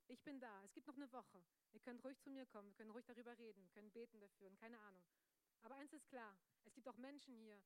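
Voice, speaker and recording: A young woman preaching a lively youth sermon, energetic and joking with the audience, laughing often. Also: fairly high pitch, dry recording.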